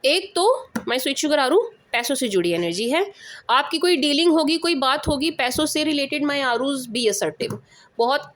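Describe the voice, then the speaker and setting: A woman's voice: high-pitched, animated, a little slow, fairly bright tone, slight background noise. A woman with an Indian accent giving a casual tarot reading, emphatic, often checking that listeners understand and calling them sweet pet names. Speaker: tarot reader.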